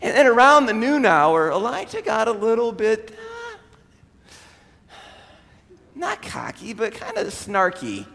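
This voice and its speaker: A man preaching a sermon as a pastor, retelling a story in an animated way and acting out the quotes. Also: high voice, slow pace, vocal fry, long pauses, long reverb tail.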